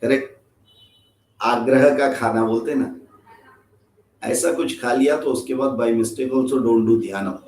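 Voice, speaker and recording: A man's voice: mid-range voice, steady tone, racing, long pauses, a little mellow. A man with an Indian accent teaching an informal scripture class, chatty and joking, often checking in with his listeners. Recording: roomy echo.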